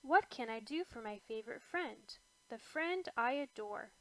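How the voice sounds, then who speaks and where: Eager little boy cat for a storybook, devoted and high-pitched, unhurried delivery, played by a woman reader. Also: expressive, fairly bright tone, dry recording, rough recording. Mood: eager, excited. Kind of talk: children's storybook read-aloud.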